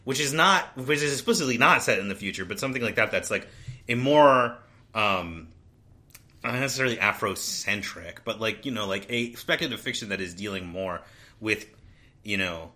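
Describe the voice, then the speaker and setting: Bright-voiced man rambling about books. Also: lowish voice, expressive, moderate pace. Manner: rambling, many fillers and restarts. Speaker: podcast co-host. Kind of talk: casual book discussion.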